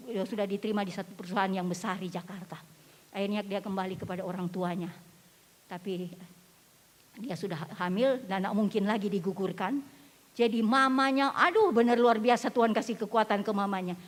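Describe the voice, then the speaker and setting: Woman, pastor, sermon, storytelling testimony, rhetorical questions to congregation, higher voice, long church reverb. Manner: swings from quiet storytelling to loud exhortation. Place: church sanctuary.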